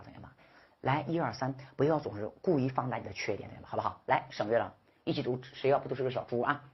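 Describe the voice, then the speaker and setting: A woman teaching an English exam-prep class, lively and rhetorical, firing questions at her students and coaxing them to read aloud. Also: a bass voice, slightly rough, muffled recording. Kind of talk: classroom lecture.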